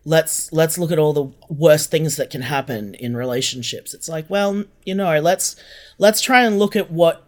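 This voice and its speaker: A podcast guest who co-created an audio drama speaks earnestly in a reflective interview, repeating phrases for emphasis. His voice is a little high and his speed normal.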